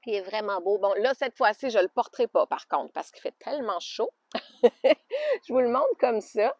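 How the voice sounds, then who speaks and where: A woman with a Québécois French accent chatting casually in a knitting podcast, homey and loose, with soft laughs. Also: a little high, big pitch swings, normal speed, no room sound, lo-fi sound. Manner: chatty, homey, often laughs softly and adds little fillers. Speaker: knitting podcaster and alpaca farmer. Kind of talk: casual show-and-tell chat. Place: outdoors by an alpaca pen.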